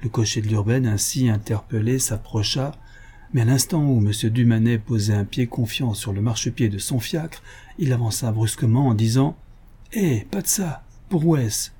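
A man reads a classic novel aloud as an audiobook narrator, measured and wry in his storytelling. His voice is dark and mellow with a husky grain, at an ordinary male pitch.

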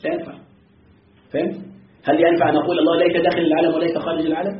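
A man's voice: fairly high pitch, little pitch movement, very fast, crowd noise. A man teaching a religious lesson, chanting verses and asking his students rhetorical questions. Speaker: sheikh teaching Quran commentary. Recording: echoey, distant, phone-like lo-fi.

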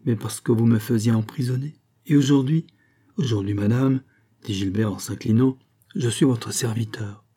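A man's voice: mid-range voice, mellow, lightly acted. A man reading aloud, voicing a grave, respectful doctor who speaks frankly in a storybook reading. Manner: measured, solemn.

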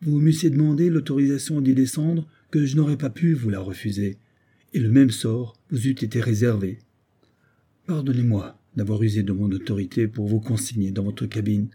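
A man's voice: mid-range voice, fairly even intonation, normal speed, dark tone, slightly rough, close to an everyday voice. A man voicing a weathered male sea captain who grimly recounts an eerie tale from his voyages. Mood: earnest. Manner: grave, storytelling. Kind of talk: scripted narration of a classic story.

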